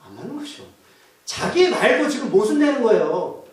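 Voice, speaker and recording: A male pastor giving an animated sermon, often putting questions to the congregation. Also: sits high, brisk. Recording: echoey church hall from far off.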